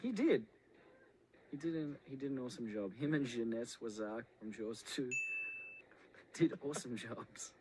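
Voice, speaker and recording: A man's voice: mid-range voice, lively intonation, normal speed, pauses often, heavy background noise. A man recording a joking film commentary, full of sarcastic, mock-insulting banter. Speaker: filmmaker on a commentary track.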